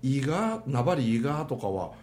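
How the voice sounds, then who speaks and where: Animated man with a Mie Kansai accent. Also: mid-range voice, slow, reverberant, faint music behind. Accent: Kansai-style Mie dialect. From Mie, Japan. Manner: animated, laughing storyteller. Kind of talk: casual chat.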